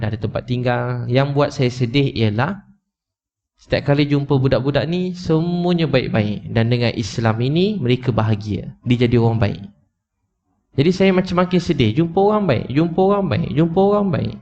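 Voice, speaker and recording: Speaking fairly quickly with lively intonation, a man with a mid-range, slightly mellow voice preaches before a live audience. He tells an emotional story, repeats key points, and talks directly to listeners, all in a slightly dull lo-fi recording.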